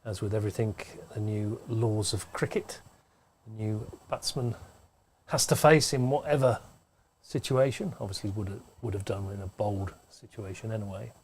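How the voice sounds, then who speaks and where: A man giving relaxed, chatty live commentary on a club cricket match from a pavilion room. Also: on the low side, moderate pace, slight background noise.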